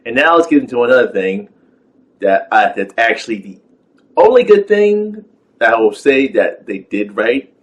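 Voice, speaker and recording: A man's voice: medium pitch, big pitch swings, moderate pace, poor audio. A man giving a rambling, casual rant as a film reviewer, full of fillers and exasperated rhetorical questions.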